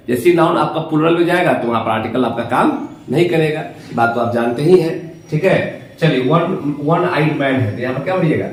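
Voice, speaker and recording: A man's voice: on the high side, darkish tone, far from the mic. A man teaching an English class, repeating words and asking the class questions as he drills them. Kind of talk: classroom lesson. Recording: very echoey room, voice from afar.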